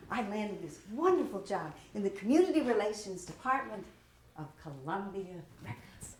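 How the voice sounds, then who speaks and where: A woman in her sixties performing a one-woman stage show, telling her story in a wry, expressive way. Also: medium pitch, moderate pace. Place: theater stage. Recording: roomy theater with faint hiss.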